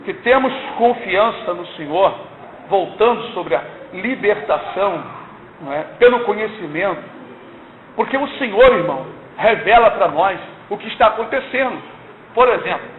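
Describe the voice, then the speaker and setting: An older man giving an earnest, exhorting church testimony, often asking "não é?". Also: very high voice. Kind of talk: sermon-like testimony. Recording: tinny lo-fi recording in echoey room, faint hiss.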